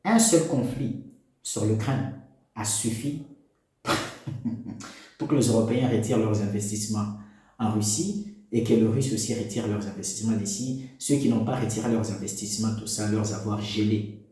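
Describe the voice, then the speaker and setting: Speaking in a warm, lowish voice at a moderate pace, this commentator from DR Congo lectures parents in an opinion monologue to camera. His first language is a Congolese national language. The room echoes, and his exhorting delivery leans on rhetorical questions.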